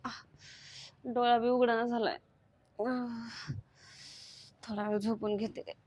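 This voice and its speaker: A woman's voice: high voice, normal speed, highs cut off, close to an everyday voice. A woman playing an unwell, groggy village wife in a comedy skit, whining and complaining with a rural Marathi accent. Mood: groaning, weary.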